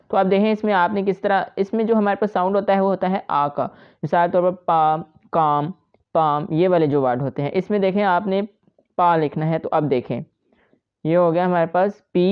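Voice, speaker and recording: Low, smooth-voiced woman teaching shorthand. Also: highs cut off. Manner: patient, repetitive explaining to students. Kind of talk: step-by-step tutorial.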